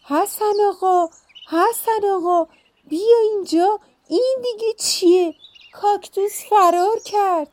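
A woman's voice: on the high side, big pitch swings, warm tone. A woman voicing a flustered, motherly older housewife who exclaims and frets in a children's story. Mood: panicked.

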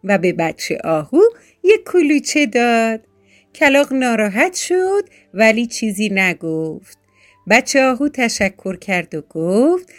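A woman narrates a children's story, turning now and then to speak straight to the children. Her voice sits fairly high, with soft music faintly behind. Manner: warm, addressing children directly.

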